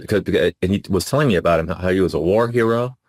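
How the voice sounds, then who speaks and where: Deep-voiced man chatting on a podcast. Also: dry recording. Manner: enthusiastic, halting with restarts. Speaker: podcast co-host. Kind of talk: casual interview chat.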